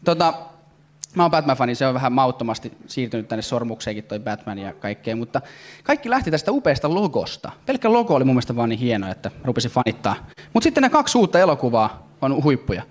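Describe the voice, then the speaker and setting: A man performing a stand-up comedy routine on stage, talking in animated, excitable bursts. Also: medium pitch. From Finland. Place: comedy stage before a live audience.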